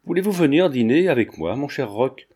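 A man voicing a bold young male student who speaks gently and coaxingly to a small child, as part of an audiobook reading. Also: mid-range voice, sing-song, brisk, breathy edge.

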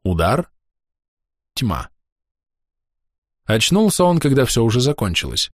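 A man reading a fantasy novel aloud as audiobook narrator, in a steady storytelling manner. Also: mid-range voice, a little slow, dry recording, studio quality. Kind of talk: scripted narration.

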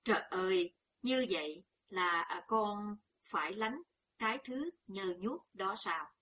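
A woman's voice: medium pitch, expressive, slow, sharp tone, full character voice. A woman voicing a worried older peasant mother who scolds anxiously. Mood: alarmed.

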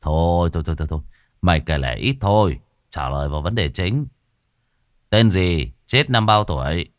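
A man playing a stern young exorcist master who questions a ghost in a low, gruff, clipped voice. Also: lively intonation, normal speed, no room sound, clean studio sound. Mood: impatient questioning.

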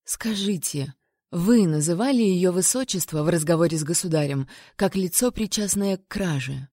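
A woman voicing an older male count, an uncle who speaks calmly and in a fatherly way. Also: lowish voice, moderate pace, no echo, studio quality, lightly acted. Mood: thoughtful.

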